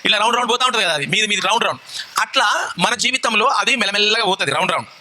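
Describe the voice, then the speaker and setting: A male bishop preaches a sermon built around a live demonstration, firing rhetorical questions at the congregation and coaxing helpers along step by step. His voice is high and sharp, with lively intonation and a rapid-fire delivery.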